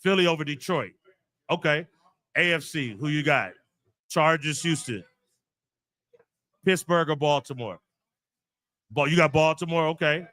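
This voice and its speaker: A man with a bright, fairly high voice hosts a laid-back podcast chat. He runs through picks in quick back-and-forth questions, recorded close and dry. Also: no room sound. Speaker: podcast host. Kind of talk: casual chat.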